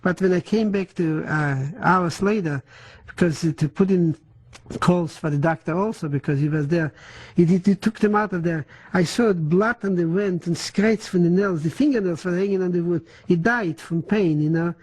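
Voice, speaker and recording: Older non-native man, halting testimony. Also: high voice, a little mellow, poor audio. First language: not English. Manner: halting, many restarts, mixes in German words. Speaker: interviewee. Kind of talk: oral history testimony.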